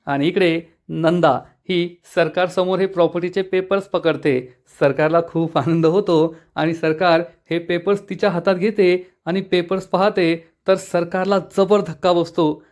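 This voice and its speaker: Man narrating a serial recap. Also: high voice. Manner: lively storytelling, acting out quotes.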